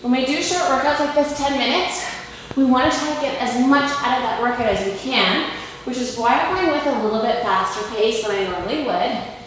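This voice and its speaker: A woman's voice: sits high, a little fast, fairly bright tone. A woman fitness instructor, slightly out of breath, coaching and encouraging while she does push-ups and other exercises. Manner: talking while doing push-ups and lunges, with effort. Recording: very echoey room, faint background noise.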